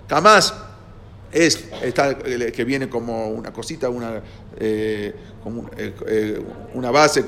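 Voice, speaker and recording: A man's voice: a little high, a bit bright, slight background noise. A man teaching a lesson, explaining step by step and checking with his listeners as he goes. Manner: explanatory, asks the listeners "¿no?" and "¿sí?" often, with hesitations. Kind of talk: lecture to a class.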